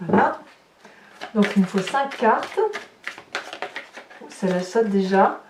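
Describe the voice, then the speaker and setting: A woman's voice: mid-range voice, slow pace. Tarot-reading woman in an echoey room. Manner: exclamatory, thinks aloud while drawing cards. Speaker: tarot reader. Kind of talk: tarot card reading to viewers. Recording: roomy echo, voice somewhat far from the mic, faint noise.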